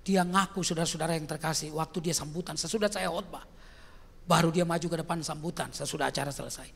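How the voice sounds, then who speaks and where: An older man preaching as pastor in a large church, shifting from quiet storytelling to loud shouted exclamations. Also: fairly high pitch, fairly even intonation, fast talker, creaky, husky. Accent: Indonesian. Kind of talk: sermon. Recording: long church hall reverb.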